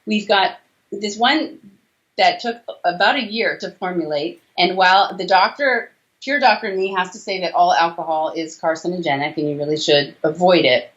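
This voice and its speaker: On the low side and a bit bright, she speaks at a moderate pace, talkative and emphatic as she lists details. The guest is a doctor and author in her forties, interviewed conversationally over video from a small indoor room, with slightly dull audio.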